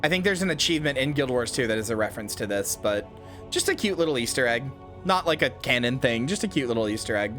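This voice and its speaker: Guy streamer chatting about game lore, lots of uhs and swears, soft music under. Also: mid-range voice, lively intonation, fast. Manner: rambling, full of fillers, swears and loud outbursts. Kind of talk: casual gameplay commentary.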